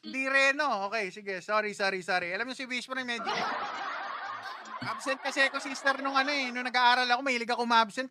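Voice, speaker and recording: A man's voice: extremely high pitch, sharp tone, slight background noise. A man hosting a casual livestream, chatting with viewers in a playful, teasing way and laughing often. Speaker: livestream host.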